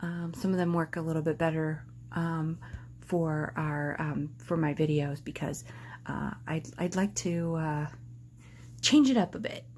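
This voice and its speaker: A woman's voice: low voice, fairly even intonation, measured pace, a little mellow, slight background noise. A woman vlogging casually to camera, rambling and hesitant, with lots of filler words and restarts.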